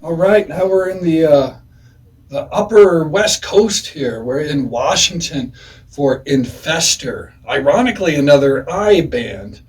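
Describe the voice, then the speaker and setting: A man in his forties talks through a casual review in a loose, meandering way, filling pauses with "uh" and "anywho." His voice sits a little high for a man. He sounds set back from the microphone rather than close to it. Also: expressive, far from the mic, slight background noise. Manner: rambling, many "uh"s and "anywho"s. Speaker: music reviewer.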